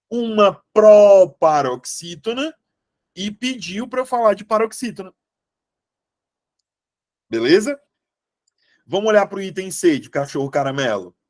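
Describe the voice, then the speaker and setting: In a clean studio recording free of echo, a young adult man with a higher voice leads an exam-prep Portuguese grammar class. He keeps things lively, coaxing students along and often asking if they're with him.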